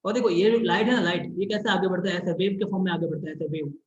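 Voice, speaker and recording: Male tutor, high voice, repetitive board-side explaining, echoey room. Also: rapid-fire. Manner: repetitive, keeps checking if students follow; draws on a board while explaining. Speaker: teacher. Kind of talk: classroom physics lesson. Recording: echoey room, slightly dull recording.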